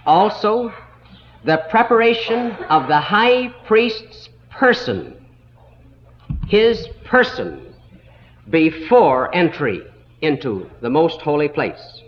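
A man teaching a Bible school lesson in a slow, deliberate way, stopping to spell out words letter by letter, heard on an old 1960s tape recording. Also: on the high side, very animated, muffled recording, a little hiss or hum.

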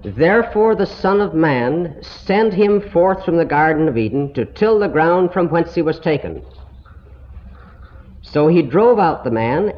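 A man giving a slow, deliberate Bible lesson to a congregation, heard on an old, muffled tape recording. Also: on the high side. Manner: slow, deliberate, explanatory teaching. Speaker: Bible teacher.

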